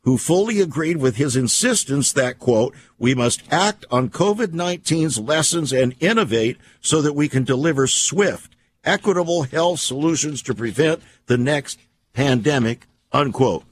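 A man hosting a talk program, delivering an emphatic, alarmist and conspiratorial opinion monologue in a deliberate way, with rhetorical questions and repetition. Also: on the high side, lively intonation, slight background noise. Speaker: radio program host.

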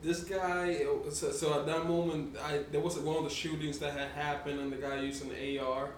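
A man's voice: on the high side, little pitch movement, moderate pace, far from the mic. A man telling a story in casual podcast chat, rambling, swearing and laughing often. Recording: echoey room, off-mic, faint noise.

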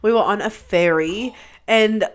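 A woman's voice: mid-range voice, unhurried. A young Australian woman co-hosting a podcast, chatty and teasing, with many fillers. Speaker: podcast co-host. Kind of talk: casual chat.

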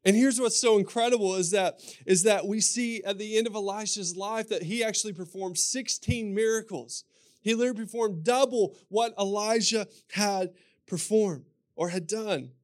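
A man's voice: high voice, normal speed. A man with a Kentucky accent preaching as a pastor, telling scripture stories and repeating phrases for emphasis. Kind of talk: sermon with scripture storytelling.

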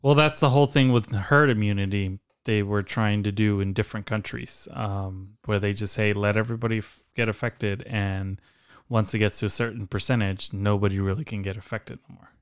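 A man's voice: fairly low pitch, steady tone, a little fast, smooth. A man co-hosting a casual podcast, laid-back and easygoing, mostly giving short agreeing replies. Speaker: podcast co-host. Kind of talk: casual chat.

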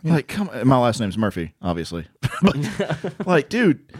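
A man's voice: medium pitch, huge pitch swings, a little slow, a little mellow, husky, dry recording. Male comic co-host, teasing and foul-mouthed, voice swings up and down, recorded close and dry. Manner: crude, teasing interjections. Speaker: podcast co-host, aspiring comedian. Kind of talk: casual comedy chat. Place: indoors in a house.

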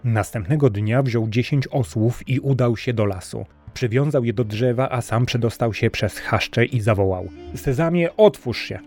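A man narrating a fairy tale in a steady, even storytelling manner. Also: medium pitch, normal speed, hardly any pauses, soft background music.

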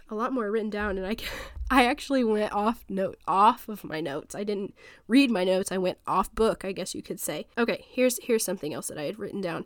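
A woman's voice: medium pitch, no room sound, studio quality. A woman in her thirties hosting a faith podcast, sounding stuffy from a sinus infection, talking in an earnest, rambling, encouraging way from her home office. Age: 30s. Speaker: podcast host.

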